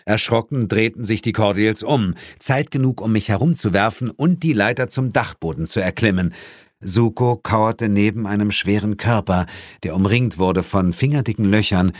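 A man narrating a first-person story in a lively, mock-dramatic way. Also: on the low side, normal speed, no room sound, studio quality. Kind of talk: first-person audiobook reading.

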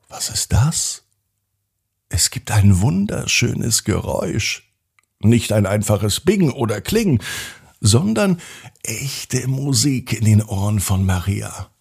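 A man narrating a bedtime story for children in a gentle, soothing, calm manner. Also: on the low side, vocal fry, slightly rough.

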